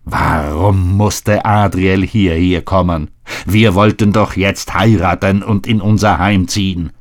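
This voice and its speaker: A man's voice: low voice, steady tone, slow. A man reading aloud, voicing a young woman torn between love and faith, with a trembling, earnest delivery. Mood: sorrowful.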